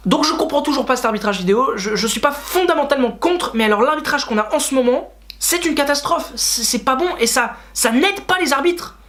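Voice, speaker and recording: A man's voice: extremely high pitch, expressive, fairly quick, few pauses, fairly bright tone. A man hosting a casual football reaction video, talking straight to his viewers and ranting with frustration and sarcastic asides. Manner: talks to viewers directly.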